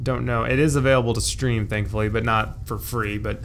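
A man's voice: medium pitch, fairly even intonation, fairly quick, a bit bright, slight background noise. Middle-aged man, rambling podcast host. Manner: rambling, hesitant, many "uh"s. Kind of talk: casual podcast chat.

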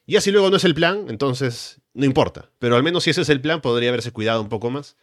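A man's voice: mid-range voice, expressive, fast, no room sound. Conversational male wrestling podcast host, dry sound. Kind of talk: conversational sports commentary.

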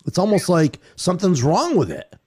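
A middle-aged man interviews a guest in a loose, friendly conversation. He laughs easily and jokes about his own mistakes. His voice sits a little high for a man. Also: moderate pace, a crowd in the background. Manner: laughs often, animated and self-deprecating. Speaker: podcast host. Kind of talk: casual interview.

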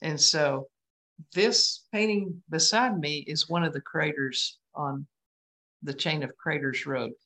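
A woman from West Texas with a West Texas twang, chatting as a guest on a video call in a halting, self-deprecating way. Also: deep voice, bright, forceful tone. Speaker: guest artist, painter. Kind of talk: casual interview chat over video call.

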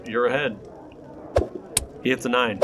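A man's voice: medium pitch, steady tone, unhurried, noisy background. A man running a tabletop game as game master, narrating casually. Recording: music behind the voice.

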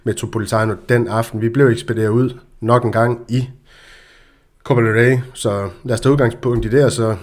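A man's voice: medium pitch, steady tone. A man hosting a casual football podcast, chatty and hesitant, with frequent fillers. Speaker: podcast host.

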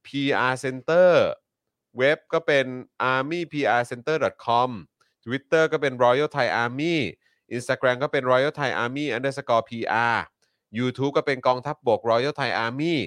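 A man's voice: medium pitch, a bit bright, clean tone, dry recording, clean studio sound. A man hosting a live news talk stream, addressing viewers politely with frequent filler particles. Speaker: host.

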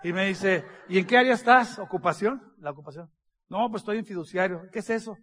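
A man's voice: high-pitched, a little fast, a bit bright, slightly rough. A man, speaking as a business speaker. He tells humorous stories to an audience, acting out the dialogue and laughing along.

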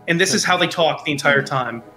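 A man hosting a podcast in casual chat, rambling and animated, swearing freely. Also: on the high side, a little fast, loud music behind the voice. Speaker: podcast host.

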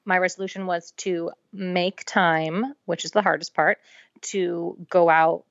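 A woman's voice: on the low side, gravelly, dry recording. A woman co-hosting a podcast in casual chat, talking chattily with many "um" and "like" fillers. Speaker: podcast co-host. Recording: dull, dry, lo-fi recording.

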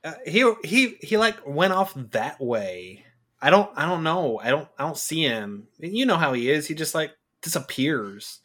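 Bright-voiced man playing a tabletop game. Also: a little high, very animated, measured pace. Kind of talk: casual game-table chat.

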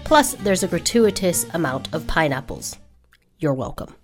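Female podcast announcer, a little low in pitch, scripted intro read over light music. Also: lively intonation, moderate pace. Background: music with guitar.

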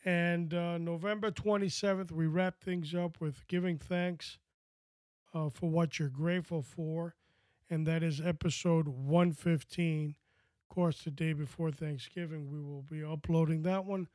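A man's voice: fairly high pitch, steady tone, a little slow, darkish tone, dry recording. An American man hosting a podcast in a casual, folksy, wordy way. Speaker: podcast host.

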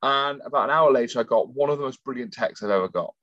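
A man's voice: medium pitch, fast talker. Chatty man, slightly dull recording. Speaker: podcast co-host. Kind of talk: casual podcast chat.

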